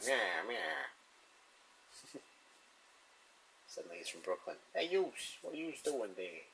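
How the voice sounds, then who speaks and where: A man's voice: deep voice, vocal fry, fairly bright tone, a little hiss or hum, low-quality recording. A man musing and chuckling to himself as he draws, talking casually about comics and his sketch. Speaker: artist drawing on camera. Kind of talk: casual narration while drawing.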